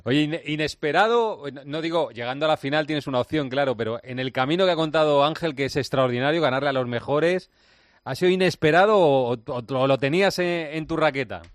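A man's voice: a little high, fairly quick, dry recording, studio quality. A man hosting a radio sports chat, asking friendly, teasing questions. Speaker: radio host.

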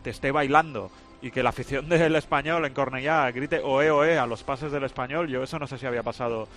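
A man giving football analysis in a radio sports talk show, measured and analytical. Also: medium pitch, fairly even intonation, a bit bright. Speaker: football commentator.

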